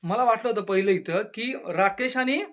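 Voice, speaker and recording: A man's voice: normal speed, fairly bright tone. A man giving a casual, chatty review of a reality show on his channel, with exclamations and speech. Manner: chatty, exclaims, mimics housemates in lowered voice. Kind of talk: casual solo review monologue.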